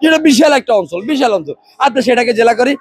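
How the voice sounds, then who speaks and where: A man's voice: extremely high pitch, lively intonation, racing, slightly rough. A man from Noakhali speaking with a Noakhali Bengali accent in a street interview, arguing hard, repeating himself and checking that listeners follow. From Noakhali, Bangladesh.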